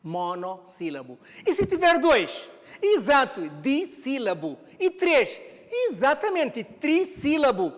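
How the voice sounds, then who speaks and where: A woman's voice: high-pitched, huge pitch swings, takes it slowly. A woman teaching a televised lesson, explaining step by step and putting questions to the viewer before answering them herself. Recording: long reverb of a hall.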